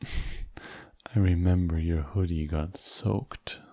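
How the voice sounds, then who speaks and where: A man playing a tender, hurt, devoted boyfriend in an ASMR role-play, speaking in a soft, intimate, halting murmur to comfort a partner. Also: low voice, fairly even intonation, no echo, heavily acted. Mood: reassuring. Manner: slow, halting, gentle, intimate.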